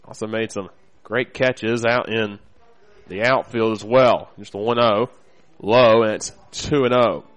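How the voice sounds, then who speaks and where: A man's voice: on the low side, fairly even intonation, a little slow. A man with an American accent giving live baseball play-by-play commentary.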